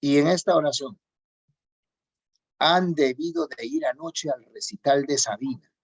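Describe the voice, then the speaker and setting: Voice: mid-range voice, measured pace, breathy edge. A teacher giving a grammar lesson, repeating key points and checking in with the students. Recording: dull lo-fi recording.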